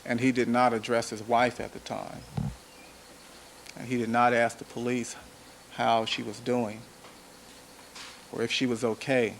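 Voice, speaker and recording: Prosecutor, male, mid-range voice; slow, deliberate jury address with repeated phrases, in a hissy old courtroom recording. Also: medium pitch, flat delivery, creaky. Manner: measured, deliberate, emphatic repetition. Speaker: trial prosecutor. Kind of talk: courtroom opening statement. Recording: noisy archival courtroom audio.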